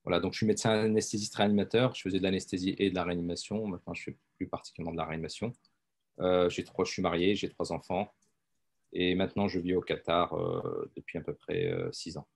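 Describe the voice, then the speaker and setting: Deep, husky and full of vocal fry, this middle-aged man's voice moves fast. He's a French intensive care doctor speaking as a guest in a relaxed interview, hesitating often with many fillers and repetitions.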